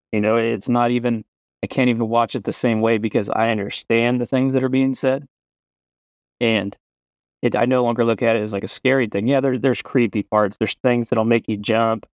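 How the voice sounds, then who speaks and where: A man's voice: on the low side, no echo. A younger man, a podcast guest, talking reflectively about films and hedging with fillers. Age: younger adult. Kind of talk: casual film discussion.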